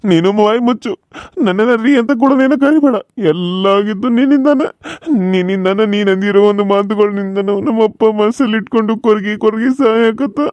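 A mid-pitched voice, pleading and accusing as a grieving son in a cartoon serial. The sound is dry and a little dull, with the high end muffled. Nothing of a room can be heard around the voice. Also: fairly quick, darkish tone, no echo.

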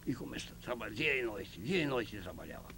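An older man from Yugoslavia tells stories in lively, broken Portuguese, a second language for him. His voice is gravelly, and his pitch swings widely as he acts out the other people in each story. A faint hiss of noise sits under the recording. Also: quick pace. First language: not Portuguese. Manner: animated storyteller acting out dialogue, broken Portuguese. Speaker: oral history interviewee. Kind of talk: oral history storytelling.

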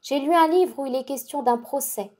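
Reading a dramatic audiobook, a woman portrays a feverish young girl swinging from rapture to dread, breathless, urgent and pleading. Her voice is fairly high, soft and mellow, at a normal speed close to everyday talk, yet excitable and intense.

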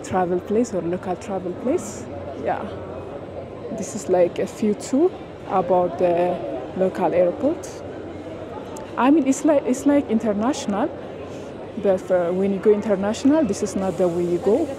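This young Ethiopian travel vlogger, from Addis Ababa, has a mid-range voice with lively intonation and talks at normal speed. Wearing a clip-on mic and holding her selfie camera at arm's length, she chats informally to "guys" watching, moving through a noisy airport, across the tarmac and into a plane cabin.

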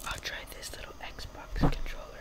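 A young adult man whispering casual, apologetic ASMR close to the mic in a room at home. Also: normal speed. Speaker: ASMR video maker. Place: small room at home, indoors. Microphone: close mic, tapped by hand.

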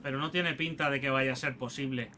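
A man's voice: mid-range voice, steady tone, a little fast, noisy background. A man with a Spain Spanish accent giving crude, joking let's play commentary and taunting the enemies he fights. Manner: swearing, joking, talks to enemies. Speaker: gaming youtuber.

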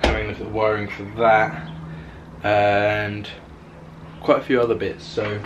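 A young British car vlogger, filming on a handheld camera in his garage and driveway, chats about the work he's doing on a car. His fairly low voice keeps a level tone and runs a little slow. The audio is noisy and lo-fi.

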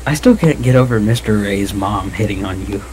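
A man's voice: fairly low pitch, normal speed, a little mellow, a little hiss or hum, low-quality recording. A young man in casual chat with gaming friends, giving dry, short comebacks.

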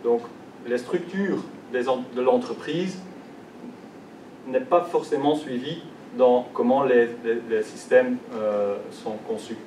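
Captured on a distant mic in an echoey, large conference hall with a little hiss or hum, a young conference speaker presents slowly. He has a medium-pitched, darkish voice and a Belgian French accent, French not being his first language, and uses many fillers and restarts.

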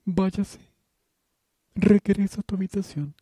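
A man voicing a stern elderly headmistress who scolds in a shrill, shouting falsetto, in an amateur fan dub. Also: husky, dry recording, clean studio sound. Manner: scolding, shouting high and fast.

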